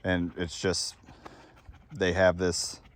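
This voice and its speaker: A man's voice: low voice, monotone, slow pace. A man who trains dogs, giving an unscripted outdoor talk in a casual, blunt, rambling way with lots of fillers. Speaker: dog trainer and kennel owner.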